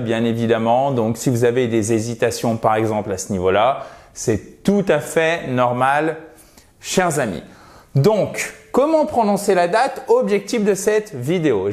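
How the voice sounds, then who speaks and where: A man's voice: mid-range voice, darkish tone. A French-speaking man teaching an online English lesson, explaining patiently and checking in with his listeners.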